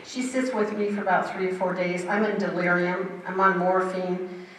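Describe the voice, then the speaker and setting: Recorded from a distance in a very echoey church sanctuary, an older woman shares her personal testimony in a vivid, emphatic manner. She speaks at a moderate pace in a lowish, level, slightly bright voice, and there's a little hiss or hum.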